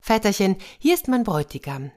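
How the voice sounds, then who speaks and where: A woman's voice: mid-range voice, big pitch swings, a little fast, darkish tone, pitched above the performer's own voice, lightly acted. A woman voicing a determined young tsar's daughter in a storybook tale, speaking earnestly.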